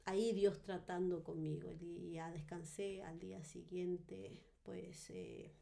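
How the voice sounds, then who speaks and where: A woman with a low, mellow voice and a gravelly edge tells her personal testimony in a podcast interview. She speaks earnestly and thoughtfully. She often hesitates with fillers and tag questions. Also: expressive, takes it slowly. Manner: earnest and reflective storytelling. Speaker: guest giving a testimony.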